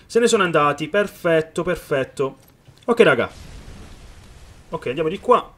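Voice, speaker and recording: A man giving excited let's-play commentary on a video game, reading the game's dialogue aloud and talking straight to his viewers. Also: on the high side, normal speed. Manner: excited, calls viewers "raga" often. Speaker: gaming youtuber.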